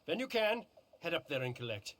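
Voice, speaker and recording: Cold, formal moneylender. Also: male voice, on the high side, sing-song, a little fast, a bit bright. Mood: cold, businesslike. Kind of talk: video game Western drama acting.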